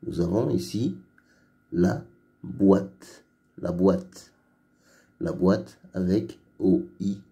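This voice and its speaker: A man leads a phonics lesson for young children, saying each word slowly and twice over. His voice is low, dark and gravelly, and he speaks at a very unhurried pace. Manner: repeats each word slowly and clearly, patient. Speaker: reading teacher.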